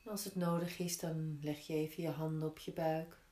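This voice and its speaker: Female yoga teacher, lowish voice, very slow and gentle guided instruction, roomy echo. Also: little pitch movement, slight background noise. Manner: gentle, unhurried step-by-step guiding with pauses. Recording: roomy, echoing indoor sound.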